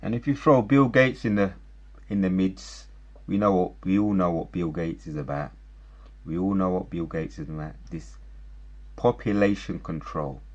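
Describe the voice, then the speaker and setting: A man's voice: low voice, normal speed, highs cut off. A man giving casual commentary, earnestly listing plagues and reading Bible verses aloud. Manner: earnest, lists things emphatically, reads scripture aloud. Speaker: commentator citing scripture.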